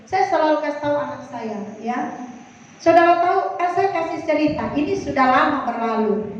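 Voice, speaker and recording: A woman's voice: high voice, animated, brisk. A middle-aged woman pastor preaching a sermon, telling personal stories in a chatty way and acting out the voices in them. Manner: chatty storytelling, acts out voices in quotes. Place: church hall. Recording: echoey hall from far off, dull sound.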